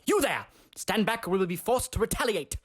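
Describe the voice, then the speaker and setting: A pompous little castle guard played by a woman proclaims like a knight in a comedy film. He is indignant and blustering, with formal wording and a lively, swinging pitch. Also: brisk, husky. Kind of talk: comedic film character acting.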